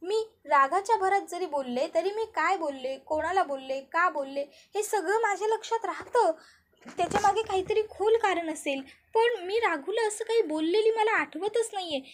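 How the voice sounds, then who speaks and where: A woman's voice: extremely high pitch, expressive, moderate pace, a little hiss or hum, pitched above the performer's own voice. A woman voicing an anxious, confused young wife who pleads and questions in distress. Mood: pleading, distressed. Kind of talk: retelling TV serial dialogue.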